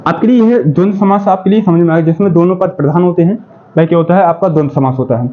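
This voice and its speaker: Male exam-prep tutor, high voice, drilling by call and answer, dull lo-fi recording. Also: fast. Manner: repeats questions and answers them himself, says "ठीक है" often. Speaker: exam-prep Hindi teacher. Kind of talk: classroom-style lesson. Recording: dull lo-fi sound.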